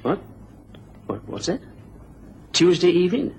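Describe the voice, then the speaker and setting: An actor playing a cowardly, scheming gentleman with a bullying streak in a radio drama, agitated and given to stammering. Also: high-pitched, big pitch swings, a little slow, creaky, a little hiss or hum, heavily acted. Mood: panicked.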